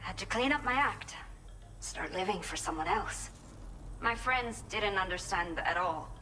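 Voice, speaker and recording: A weary but determined ex-bandit mother-to-be in a video game, speaking with a Mexican accent. Her delivery is earnest and measured, at an ordinary mid pitch. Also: expressive, pushed and bright, slight background noise, poor audio. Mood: troubled. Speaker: game character giving delivery orders.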